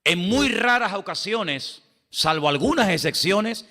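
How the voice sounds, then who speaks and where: A man preaches to his congregation in a church, retelling Bible scenes with animated voices for the characters. His voice sits a little high and rings very bright and forward. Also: a little slow. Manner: animated storytelling, acting out the king and Daniel. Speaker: pastor. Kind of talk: sermon.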